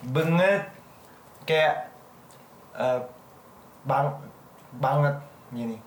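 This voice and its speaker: A man chatting casually as a podcast guest, excitable, swearing and laughing easily. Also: medium pitch, very slow. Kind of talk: casual chat. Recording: roomy room, faint background noise.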